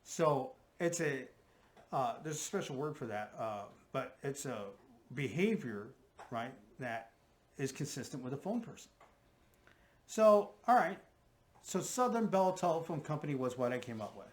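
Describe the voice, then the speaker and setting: Here the guest profiler, a man, speaks unhurriedly at medium pitch with big swings in his intonation. His theory comes out in relaxed conversation, punctuated by frequent "right?" and "okay?".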